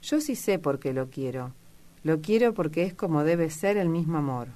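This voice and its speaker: A lovestruck young girl, giddy and eager, her voice lifting a little as she exclaims in a low, tinged tone, as a woman reads her aloud in a storybook. Her lines tumble out in breathless, earnest bursts. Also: animated, moderate pace, mellow. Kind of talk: audiobook character reading.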